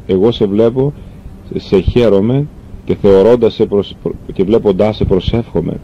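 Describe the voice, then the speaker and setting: In a muffled lo-fi recording carrying a slight rumble, a male reader works through a classic novel. His delivery is calm and sincere, though he trips over a word now and then.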